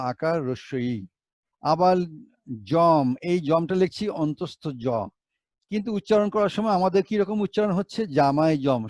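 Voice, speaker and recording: A man's voice: on the high side, a little mellow, no room sound. A male teacher giving a Bengali pronunciation lesson, spelling words out letter by letter and asking rhetorical questions.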